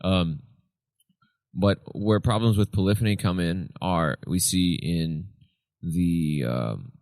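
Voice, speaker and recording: A man's voice: sits low, slow pace, creaky, darkish tone, no echo. A man co-hosting a podcast, explaining things at length in casual chat with a tired voice. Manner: explains at length, sings snippets of chant to illustrate. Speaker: podcast co-host.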